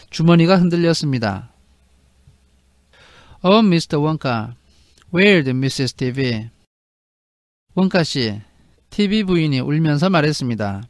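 A man teaching an English book to learners. He reads each sentence aloud very slowly and then translates it. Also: on the high side, no echo. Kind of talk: slow read-aloud lesson with translation.

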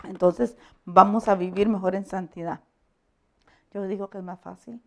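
A woman pastor giving a conversational sermon, telling animated stories, laughing often and checking that her listeners agree. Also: mid-range voice, moderate pace, creaky. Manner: animated storytelling, asks the audience for agreement; laughs often while preaching.

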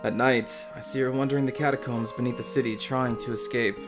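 A man's voice: mid-range voice, fairly even intonation, fast, over music, natural voice. A man voicing a grieving elderly veteran ranger in a story game, with a put-on accent that keeps slipping. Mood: haunted.

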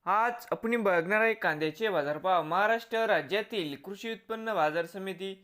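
Steady voice reading market prices. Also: mid-range voice, moderate pace. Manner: steady, formal reading of figures. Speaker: channel host reading crop market prices. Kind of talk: scripted market price report.

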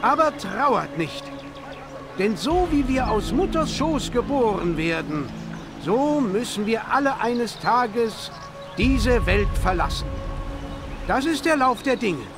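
A man voicing a solemn figure leading a funeral in dubbed video game dialogue, measured and preacher-like. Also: very high voice, very animated, full character voice. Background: game music.

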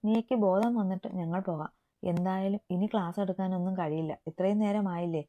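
A woman's voice: fairly low pitch, fairly even intonation, brisk, dark tone, lightly acted. A woman voicing a worried school teacher explaining what happened, in a story reading. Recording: tinny phone-like sound.

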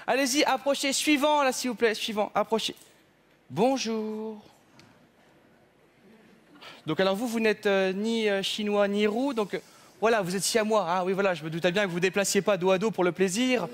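A man's voice: sits high, fairly even intonation, normal speed, lightly acted. A man playing a fussy, mock-polite male census clerk at a counter in a stage comedy sketch, with stammering fillers. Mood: officious.

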